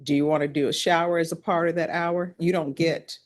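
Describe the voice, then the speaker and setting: A woman judge with a fairly low voice presides in a courtroom. She rattles through formal legal questions and admonishments in a practiced, businesslike way. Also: steady tone. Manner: formal, brisk legal recitation. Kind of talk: courtroom proceedings.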